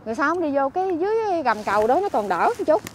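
A woman with a Southern Vietnamese accent, a vlogger chatting on the street who fusses, scolds and keeps exclaiming out loud. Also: high voice, big pitch swings, quick pace, a little hiss or hum. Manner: scolding and fussing, exclaims often. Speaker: vlogger helping homeless people. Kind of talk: casual on-street chat. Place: outdoors by a street.

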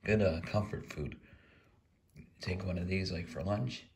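Deep gravelly man reviewing food. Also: measured pace, slight background noise. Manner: relaxed, rambling, talks while eating. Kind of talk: casual food review vlog.

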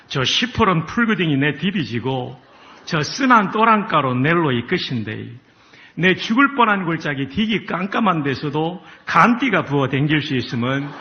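Brief: a man playing a cheerful, blunt Gyeongsang-accented man, high and forceful. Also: muffled recording. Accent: Gyeongsang dialect. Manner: punchy, blunt rustic delivery.

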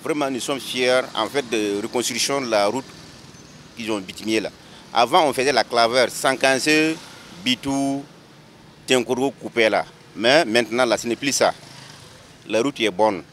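A man's voice: mid-range voice, unhurried, long pauses, fairly bright tone, a little hiss or hum. Man interviewed outdoors, from afar. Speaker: transport union member. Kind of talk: street interview.

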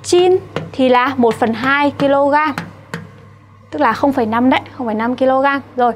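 A woman's voice: high voice, normal speed, soft background music. A young woman with a Vietnamese accent teaching a vocabulary lesson and asking students to check along. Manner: patient, asks rhetorical checks to students. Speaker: Chinese teacher.

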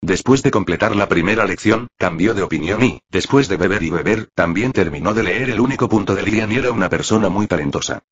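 A man reading a translated web novel aloud in a flat, machine-like way. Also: on the low side, quick pace, hardly any pauses, husky. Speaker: narrator. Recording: dull lo-fi audio.

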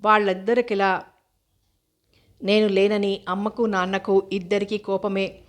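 Woman story reader, first-person narration; steady, monotone delivery. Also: mid-range voice, unhurried.

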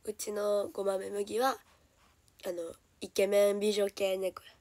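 A young woman with a Kansai accent chatting casually on a solo livestream, her voice hoarse and lower than usual, chatty and giggly and often dropping into soft whispers. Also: monotone, unhurried, slight background noise. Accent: Kansai Japanese. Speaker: idol livestreamer.

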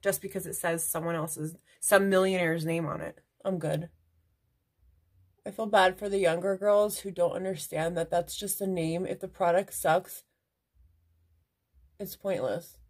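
A woman's voice: fairly low pitch, fairly even intonation, measured pace. A woman beauty vlogger chatting casually at home while doing her makeup, rambling into asides. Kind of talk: casual get-ready-with-me chat.

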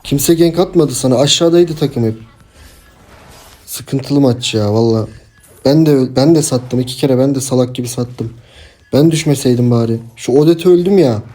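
A man's voice: mid-range voice, moderate pace, dark tone. A young man giving casual, chatty commentary while playing a game, sometimes breaking into frustrated outbursts and talking to his teammates. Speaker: gameplay streamer. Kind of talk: casual live gameplay commentary.

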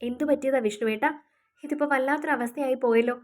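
A woman's voice: high voice, steady tone, fast, a little mellow, lightly acted. A woman voicing a tearful young girl who anxiously asks about an injured man, in a pleading tone, for a storybook reading. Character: teenage girl, tearful and devoted.

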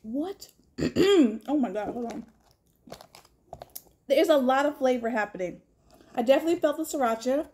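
A woman reviewing food on camera, talking excitedly with her mouth full of food. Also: high voice, moderate pace, pauses often. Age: adult with a son. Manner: excited, exclamatory. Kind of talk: casual food review vlog.

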